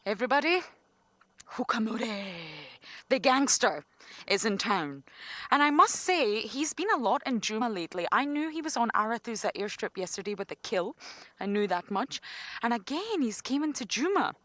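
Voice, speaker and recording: A woman's voice: on the high side, big pitch swings, normal speed, no room sound. Whispering woman watching wildlife. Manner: hushed whispering while watching an animal close by. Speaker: safari guide and live wildlife presenter. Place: outdoors in a safari vehicle. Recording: faint outdoor background noise.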